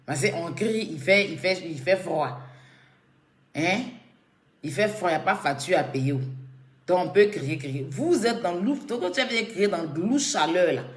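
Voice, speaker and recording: A woman's voice: lowish voice, animated, measured pace. A woman, giving casual, teasing commentary to camera and laughing often. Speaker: blogger commenting on a feud. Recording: echoey room.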